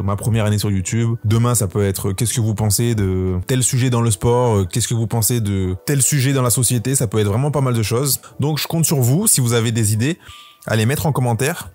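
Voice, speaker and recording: A man's voice: mid-range voice, brisk, dark tone, soft background music. A man, talking casually to camera about his channel, rambling with lots of fillers and restarts. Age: 20s. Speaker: YouTuber hosting his own podcast. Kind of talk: casual solo talk to camera.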